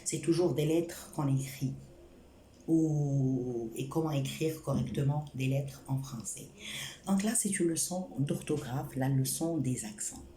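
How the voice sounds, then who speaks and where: A woman with a low, mellow voice gives a French lesson at an unhurried pace. She repeats her points and spells out examples one by one. The room sounds echoey, with a faint hiss. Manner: slow, repetitive, spells out examples. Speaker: French teacher. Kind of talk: spoken grammar lesson.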